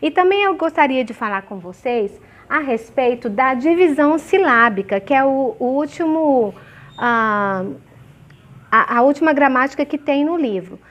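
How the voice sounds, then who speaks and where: A woman's voice: sits high, lively intonation. A woman teaching a grammar lesson to young children, sounding out example words syllable by syllable and often checking "ok?" and "certo?". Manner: slow, clearly syllabified examples with frequent checking questions. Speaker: primary school teacher.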